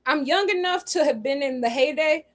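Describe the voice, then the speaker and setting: A woman in her twenties co-hosting a casual charity stream, animated and slangy, quick to laugh. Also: sits high. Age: 20s. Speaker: co-host.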